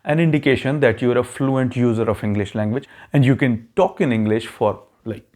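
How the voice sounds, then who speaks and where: This man, a YouTube channel host offering immigration advice, talks his viewers through a test strategy casually, frequently pausing to say "okay." His mid-range voice is a little mellow at normal speed, his accent neutral, and he describes his English as not very fluent.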